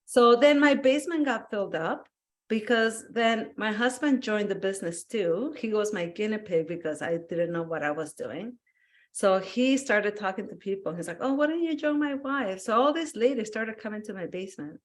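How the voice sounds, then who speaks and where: A woman from Peru chats as a guest in an informal interview. She tells her stories with a lot of animation, acting out what people said and laughing often, in a voice of ordinary, middle pitch. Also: moderate pace. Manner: animated storyteller, acts out quotes, laughs often. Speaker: guest, wellness business owner. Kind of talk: casual interview chat.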